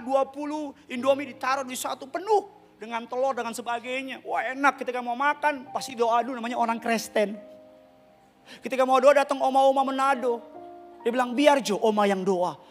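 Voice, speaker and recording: A male pastor preaching a sermon in a humorous, conversational way, with loud outbursts at times. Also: very high-pitched, steady tone, a little fast, soft background music. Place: church service.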